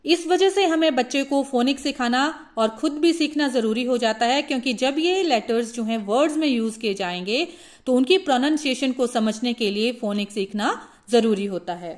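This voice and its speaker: A woman teaching a phonics lesson for parents, demonstrating each letter sound slowly. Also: fairly high pitch.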